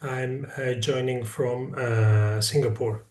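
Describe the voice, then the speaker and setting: A man's voice: mid-range voice, steady tone, slow pace. A man from Spain, a family medicine professor, introducing himself with many hesitant fillers. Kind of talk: self-introduction. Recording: echoey room, distant from the mic.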